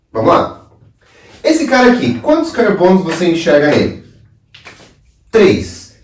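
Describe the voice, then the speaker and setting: A man's voice: high voice, a little mellow. A man with a Brazilian Portuguese accent teaching a chemistry lesson, asking himself questions and answering them. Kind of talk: video lesson explaining at a board. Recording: roomy sound, voice a bit far from the mic.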